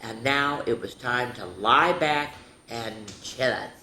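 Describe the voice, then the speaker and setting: In an echoey room with faint noise, a senior woman hosts a children's story time, telling stories and leading activities. Her bass voice is slow, pushed and bright, and she keeps things chatty and instructive, often asking the kids questions.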